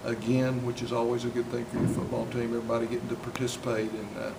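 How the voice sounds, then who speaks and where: An older man, a head football coach, answering postgame questions in a steady, plainspoken way with many fillers. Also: mid-range voice, fast talker, gravelly. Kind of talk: postgame interview. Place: indoor interview backdrop. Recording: distant mic with loud noise.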